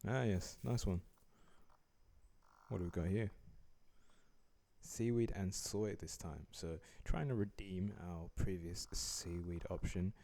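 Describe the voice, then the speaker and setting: A young man giving relaxed, dryly joking voice-over commentary as he rates food. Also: low voice, takes it slowly, long pauses. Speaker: vlogger rating food.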